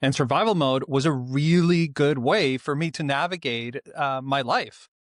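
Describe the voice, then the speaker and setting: A middle-aged man from Venezuela, calmly explaining ideas as a guest author in an interview, with small pauses. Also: mid-range voice, no echo, clean studio sound. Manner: calm, explanatory, with frequent "uh" pauses. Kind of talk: reflective interview answers.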